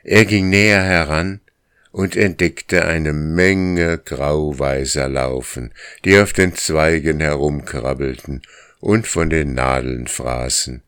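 Male audiobook narrator with a very deep, unhurried read and a dry, close sound. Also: a bit bright, smooth, no room sound. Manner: slow, measured storytelling. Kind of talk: scripted narration.

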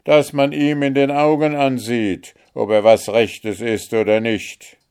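A man voicing a crowd of rough old gate guards who shout and jeer, loud and impatient, in a storybook reading. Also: mid-range voice, little pitch movement, a little slow, voice pushed up, close to an everyday voice. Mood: mocking shouts. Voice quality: rough, barking.

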